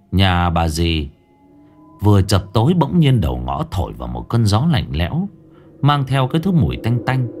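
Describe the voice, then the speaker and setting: A man tells a ghost story in a husky, lowish voice. His pitch swoops dramatically, and faint music plays under the narration. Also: a little mellow.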